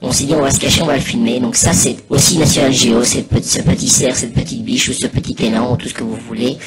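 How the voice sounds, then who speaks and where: A man giving a casual, improvised mock commentary over video, rambling hesitantly and pausing mid-sentence. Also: medium pitch, fairly even intonation. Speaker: narrator of a spoof anonymous behind-the-scenes testimony. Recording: voice over loud music. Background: loud music.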